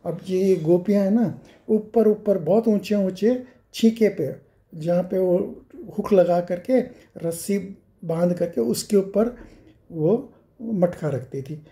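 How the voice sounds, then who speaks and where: A man telling devotional scripture stories, explaining slowly and breaking into sung verses. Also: high voice, warm tone. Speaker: scripture storyteller.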